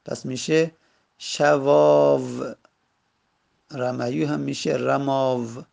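A man teaching a grammar lesson, going slowly and repeating each example word. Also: a little high, gravelly, a bit bright. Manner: slow, repetitive, drawing out example words. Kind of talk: Arabic grammar lesson in Persian.

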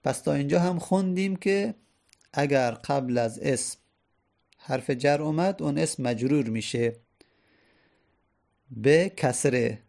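A man's voice: medium pitch, creaky, a little mellow. A man teaching an Arabic grammar lesson, explaining each point patiently and repeating it step by step.

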